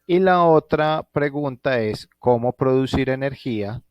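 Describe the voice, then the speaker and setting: Colombian man, physics teacher, online class from home, mid-pitched voice, dry close sound, thinks aloud, checks in often. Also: unhurried, no room sound, lo-fi sound. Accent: Colombian Spanish. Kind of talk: live online class lecture.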